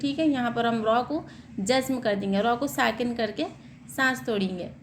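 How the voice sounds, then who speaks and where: Woman teaching quran reading, a bit high-pitched, faint hiss behind her, asks and answers her own questions. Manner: explains rules, then spells and recites slowly. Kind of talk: step-by-step recitation lesson.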